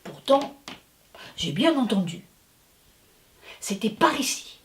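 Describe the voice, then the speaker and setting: A woman voicing a small, excitable, frightened little girl in a children's story, high and rushed. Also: distant mic, slight background noise. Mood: wary hushed.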